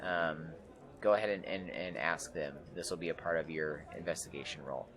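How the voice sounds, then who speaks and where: A man running a tabletop game as game master, narrating in a relaxed way with many fillers. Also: a bass voice, moderate pace, a crowd in the background.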